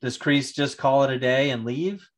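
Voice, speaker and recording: A man speaking to camera in a relaxed vlog style, thinking aloud. His speech wanders, full of fillers and restarts. His voice sits at an ordinary middle pitch. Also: normal speed. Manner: rambling, hesitant, many fillers and restarts. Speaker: YouTuber reviewing a TV series. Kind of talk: casual spoken vlog commentary.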